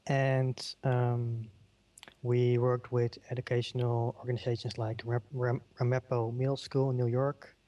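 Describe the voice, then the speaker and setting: Speaking in a virtual world, this keynote speaker, a middle-aged man from the Netherlands, talks with a Dutch accent and plenty of ums and uhs. He keeps a level tone in a warm mid-range voice at a slightly slow pace.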